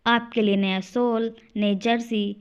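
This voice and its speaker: A woman voicing an affectionate young adult son who greets his parents warmly. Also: a little high, little pitch movement, slow, smooth, lo-fi sound. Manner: warm toward his parents, firm.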